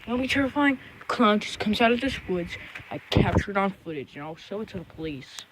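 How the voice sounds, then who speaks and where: A man's voice: sits high, expressive, fairly quick. A man rambling casually and apologetically to viewers, recording a vlog outdoors in strong wind at night. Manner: apologetic, repetitive talk. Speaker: amateur video blogger. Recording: very loud wind noise, outdoors. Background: loud gusting wind.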